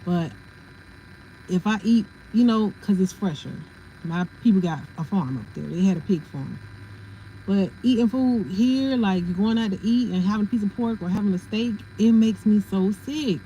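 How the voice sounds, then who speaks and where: A woman's voice: mid-range voice, moderate pace, dark tone, a little hiss or hum, rough recording. A woman hosting a casual livestream, chatting and laughing as she answers viewers' comments. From family from South Carolina. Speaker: livestream host.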